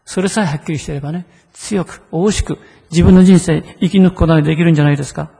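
Man, pastor, conversational sermon, rhetorical questions, raspy and gravelly tone, reverberant hall. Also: on the high side, steady tone, fast talker, dark tone.

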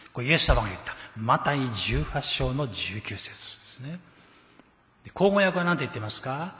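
A man's voice: on the high side, sharp tone. Japanese male pastor preaching in a hall. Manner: storytelling, quotes scripture emphatically. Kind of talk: sermon. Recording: echoey hall with long reverb.

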